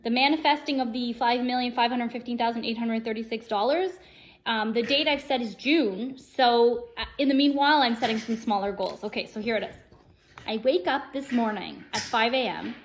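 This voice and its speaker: This self-help vlogger speaks at an ordinary pace in a fairly high register. Chatty and sincere, she addresses her audience directly in an upbeat personal vlog, partly reading from her own script.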